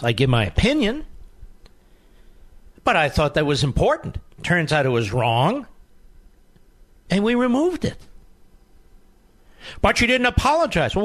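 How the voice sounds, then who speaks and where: A man's voice: high-pitched, a bit bright. A man hosting a talk radio show, delivering an indignant, sarcastic monologue and taking calls. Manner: indignant, sarcastic, mocking opponents.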